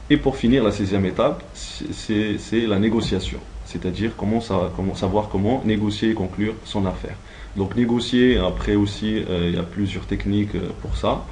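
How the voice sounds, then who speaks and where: At a moderate pace and with a fairly low, slightly mellow voice, a man gives a call-centre phone training session over slight background noise. His instruction is step-by-step, didactic and semi-improvised, with checks for understanding.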